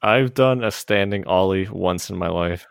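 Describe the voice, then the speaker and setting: A man co-hosting a podcast, telling stories in a casual, animated and easygoing way. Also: low voice, moderate pace, vocal fry, clean tone, no echo, studio quality. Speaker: podcast co-host. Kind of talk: casual chat.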